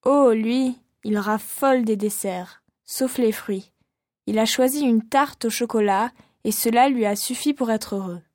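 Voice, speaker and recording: A woman's voice: on the high side, unhurried, darkish tone, dry recording, studio quality, close to an everyday voice. A woman playing a chatty young family member in a scripted language-course dialogue.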